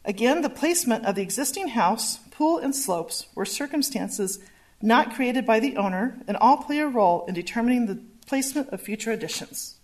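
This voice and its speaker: Higher-pitched woman presenting planning findings. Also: lively intonation. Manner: measured, reading from slides. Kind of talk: formal public hearing presentation.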